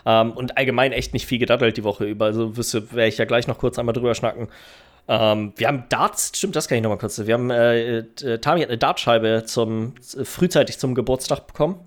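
Man, mid-range pitch, casual podcast chat, colloquial wording, thinking aloud. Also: brisk. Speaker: podcast co-host.

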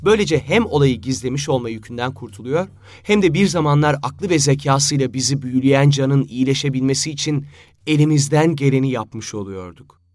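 A man narrating a story in a steady, storytelling manner. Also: mid-range voice, brisk, no room sound. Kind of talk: audiobook narration. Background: faint music.

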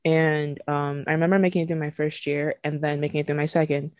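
A young woman from Nigeria hosts a podcast in a low, dry voice. She talks frankly and emotionally, with casual swearing and laughter between thoughts. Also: level tone, fast talker, a little mellow, dry recording. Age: 20s. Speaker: podcast host. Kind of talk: candid podcast conversation.

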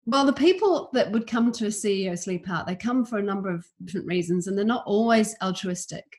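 A woman's voice: mid-range voice, lively intonation, a little fast, a little mellow. A woman from New Zealand, a campaigner against homelessness, answering interview questions in an earnest, emphatic way.

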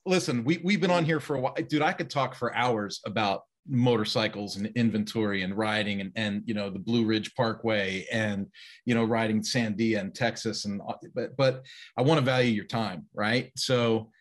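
A man's voice: lowish voice, normal speed. Chatty male podcast host. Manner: chatty, laughing, plugs the guest. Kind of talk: casual interview chat.

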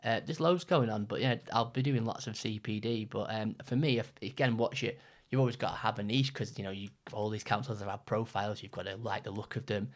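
Brief: young male co-host, lowish voice, loose rambling delivery, lots of "like" and restarts. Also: fairly even intonation, fairly quick. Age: young adult. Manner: rambling, many fillers and restarts. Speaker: trainee counsellor, podcast co-host. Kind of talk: casual chat.

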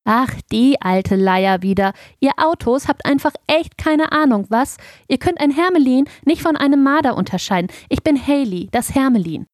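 A woman voicing a proud, refined little female ermine with a squeaky, piping voice in an audiobook. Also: lively intonation, moderate pace, few pauses, no echo, studio quality. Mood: haughty. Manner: haughty, refined. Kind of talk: audiobook character voice.

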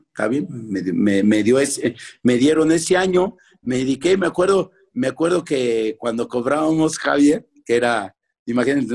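Mexican man, ex-footballer guest, husky voice, rambling anecdotes, restarts often. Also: medium pitch, darkish tone. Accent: Mexican Spanish. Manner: rambling with many restarts, acts out his parents' voices. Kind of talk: casual interview storytelling.

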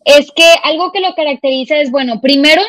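A woman's voice: high voice, quick pace, fairly bright tone, dry recording. A woman in her twenties with a northern Mexican accent from Monterrey, chatting effusively and emphatically as a podcast guest. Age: 20s. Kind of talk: casual conversational interview. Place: remote call recording.

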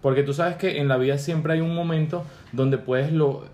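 A man's voice: on the high side, steady tone, normal speed, a little mellow. Laughing Venezuelan man in an echoey room. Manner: laughing, slangy. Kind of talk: casual banter.

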